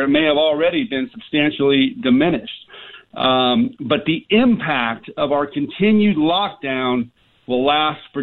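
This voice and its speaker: A middle-aged man calling in to a radio show, earnestly laying out his points one by one with plenty of "you know" fillers. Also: on the high side. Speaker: guest, small business owner. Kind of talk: phone-in radio interview. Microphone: telephone. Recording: tinny phone line.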